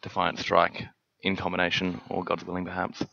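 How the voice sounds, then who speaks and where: Male co-caster, low and fairly flat, gravelly, bright, lo-fi stream audio. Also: moderate pace. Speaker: co-commentator. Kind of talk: casual card game commentary.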